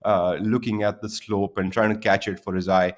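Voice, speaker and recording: A man giving live golf commentary in a measured, formal and polite way. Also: fairly low pitch, little pitch movement.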